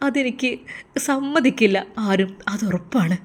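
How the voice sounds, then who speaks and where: A woman voicing a heartbroken young man who weeps and pleads, sometimes dropping to a hushed, begging tone. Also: a little high, measured pace, voice pushed up. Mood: grieving. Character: young man, heartbroken, weeping for his lost bride.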